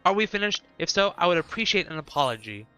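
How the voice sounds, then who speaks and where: A man's voice: sits high, very animated, fast, bright, forceful tone, smooth, faint music behind, full character voice, poor audio. A man reading as an indignant game porter. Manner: offended, formal. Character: indignant male porter accused of smuggling.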